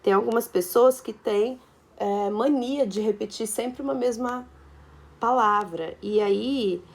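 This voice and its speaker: A woman's voice: a little high, slow. A Brazilian woman teaching a video lesson, explaining at length and checking in with tag questions and fillers. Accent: Brazilian Portuguese.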